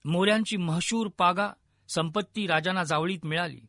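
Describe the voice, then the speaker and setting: A man narrating a historical story in a vivid, expressive storytelling manner. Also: high voice, moderate pace, no echo, clean studio sound.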